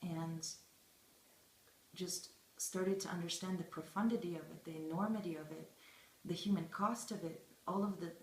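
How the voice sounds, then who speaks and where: Low-voiced woman. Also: steady tone. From Israel, of Russian immigrant background. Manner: thoughtful, deliberate, pausing mid-phrase. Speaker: interviewed journalist and film student. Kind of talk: reflective interview answers. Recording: echoey room with faint background noise.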